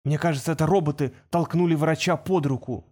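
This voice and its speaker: A man voicing a delirious male journalist who whispers hoarsely, weeps and breaks into shrieks in an audiobook. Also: on the high side, brisk, darkish tone, natural voice. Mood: feverish whisper. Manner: feverish, rambling, melodramatic. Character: delirious, tearful male journalist gone half mad.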